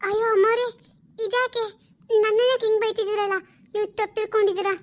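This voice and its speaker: A woman voicing a timid young maid in an animated drama, meek and pleading. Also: extremely high pitch, fast talker.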